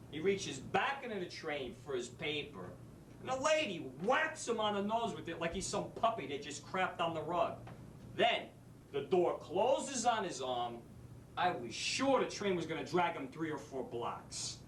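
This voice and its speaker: An actor playing a brash, wisecracking New street-smarts teacher in a stage monologue. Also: male voice, on the high side, a bit bright, a little hiss or hum. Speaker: actor in a drama school showcase monologue. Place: theater stage. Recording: echoey stage from a distant mic.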